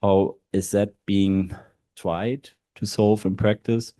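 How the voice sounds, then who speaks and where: On a panel at a legal gathering in a large historic hall, a German-accented man from Germany talks as in-house counsel, hesitant and heavy on fillers. His fairly low, dark voice stays level and slow, and the recording is dry.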